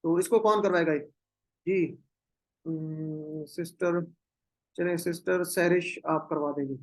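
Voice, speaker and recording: A man's voice: fairly high pitch, fairly even intonation. A man teaching an online class, patiently drilling Arabic verb forms and calling on students over a video call.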